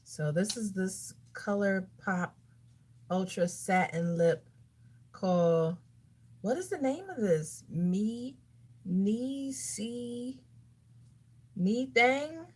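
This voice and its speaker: A woman's voice: medium pitch, expressive, very slow, pauses often, husky. A woman beauty vlogger chatting casually while doing her makeup, talking to herself and throwing sassy asides to viewers. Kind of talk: casual get-ready-with-me chat.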